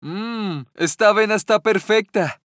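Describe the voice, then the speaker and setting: A man voicing a curious, picky little girl in a raised, higher voice. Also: unhurried, fairly bright tone, dry recording, studio quality. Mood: content.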